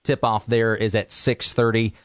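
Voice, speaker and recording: A man's voice: lowish voice, flat delivery, normal speed, no room sound, studio quality. A man presenting a sports report on the radio and interviewing.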